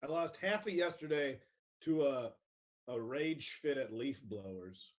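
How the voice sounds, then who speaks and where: A man's voice: mid-range voice, animated, measured pace. A man co-hosting a comedy podcast, rambling with stammered restarts and heavy sarcasm. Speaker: podcast co-host. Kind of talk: casual comedy chat.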